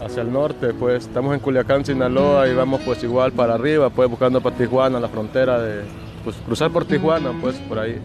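A young man from Honduras, speaking haltingly with many fillers into a mic held out to him. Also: mid-range voice, fairly even intonation, over music. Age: young adult. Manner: halting, full of "pues" fillers. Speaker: migrant interviewee. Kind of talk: casual testimony. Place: outdoors on a city street. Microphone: lapel mic held out by interviewer.

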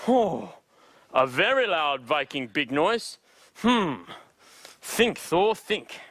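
A young man playing a big, loud, eager Viking in a children's TV skit, with theatrical booming delivery. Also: big pitch swings, takes it slowly, dry recording, full character voice. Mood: pondering, eager. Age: young adult. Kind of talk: children's television musical skit.

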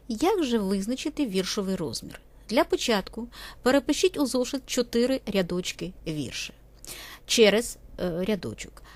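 A woman teacher talks students through a poetry lesson in a methodical, step-by-step way. She speaks straight to the class while narrating over a set of slides. Her voice sits at an ordinary middle pitch. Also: dry recording. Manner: methodical, explanatory, addressing students directly.

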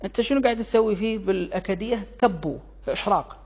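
A speaker with a Kuwaiti accent explains word origins in a rhetorical, question-and-answer style. The voice is gravelly with a husky edge, at a middle pitch. The recording sounds dull and lo-fi. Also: quick pace, darkish tone. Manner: rhetorical, poses questions and answers them, breaks in with "wait, wait". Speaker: language commentator.

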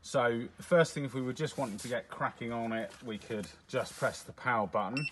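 Seated at a table indoors with a demo unit, a man explains a device's controls step by step, pressing the buttons as he goes. His mid-range, fairly bright voice moves a little fast in a plain, matter-of-fact walkthrough, with noticeable background noise.

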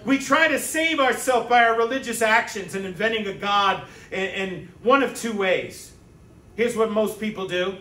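A man preaching a sermon as pastor, talking conversationally to the congregation with rhetorical asides and quick check-ins. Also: high voice, sharp tone. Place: church sanctuary. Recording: echoey church sanctuary from a distance.

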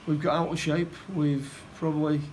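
Halting middle-aged man, football manager. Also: fairly high pitch, little pitch movement, a little mellow, a little hiss or hum, poor audio. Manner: halting, repeats words, plain-spoken. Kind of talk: post-match interview. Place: indoor room by a stadium door.

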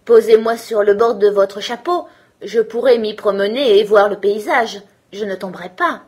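A woman's voice: mid-range voice, normal speed, a little mellow, husky, lightly acted. A woman voicing a tiny clever boy who is cheerful and bold, calling out eagerly in a storybook.

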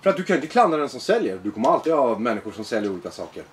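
A man being interviewed as a guest, talking in a blunt, animated, profane way. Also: mid-range voice. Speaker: guest, former extremist. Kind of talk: personal interview conversation.

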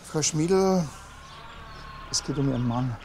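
In a TV crime comedy, an actor plays a blunt, awkward middle-aged village policeman with a Bavarian accent. His delivery is halting and deadpan, his voice sits a little high, and there is slight background noise.

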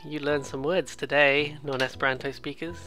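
A let's play host with a bright voice at a middling pitch rambles casually through a game, joking and self-deprecating while reading lines off the screen. The tone stays steady at a moderate pace, with some game music underneath.

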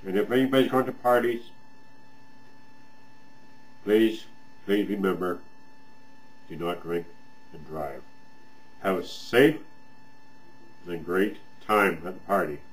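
A man's voice: low-pitched, takes it slowly, long pauses. Man talking around a pipe in his mouth. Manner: rambling, friendly, repeats himself. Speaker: vlogger reviewing other channels' videos. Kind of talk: casual weekly review vlog.

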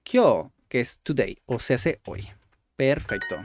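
A man's voice: medium pitch, animated, takes it slowly, faint music behind. A man giving casual gameplay commentary, repeating each word aloud and explaining it like a patient tutor. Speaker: gaming YouTuber.

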